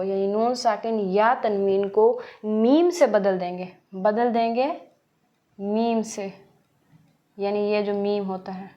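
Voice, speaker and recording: A woman's voice: medium pitch, dull audio. Patient woman teaching Quran reading. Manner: patient, repeats key points, asks and answers own questions. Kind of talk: recorded tajweed lecture.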